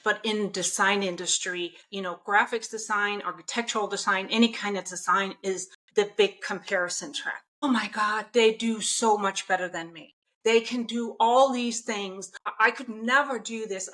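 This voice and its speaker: A middle-aged Danish woman with a Danish accent and a medium-pitched, fairly bright voice appears as a guest on a business interview podcast. A mindset coach, she tells stories earnestly and enthusiastically, quoting herself along the way.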